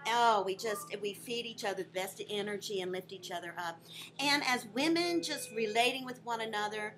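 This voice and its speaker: A woman's voice: mid-range voice, moderate pace, crowd noise. A middle-aged woman hosting a live chat show in a restaurant, speaking earnestly and upbeat. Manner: earnest, upbeat, talks about empowering women. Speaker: talk show host. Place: restaurant dining room, indoors.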